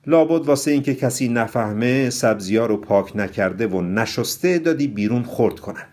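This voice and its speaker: A man voicing a bossy older father-in-law who speaks loudly and commandingly, slowing down when he praises. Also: medium pitch, lively intonation, pitched above the performer's own voice, lightly acted.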